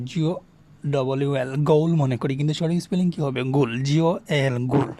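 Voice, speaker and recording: A man's voice: on the high side, warm tone. A man teaching a spoken English lesson, spelling words out letter by letter and asking and answering his own questions. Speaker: English tutor.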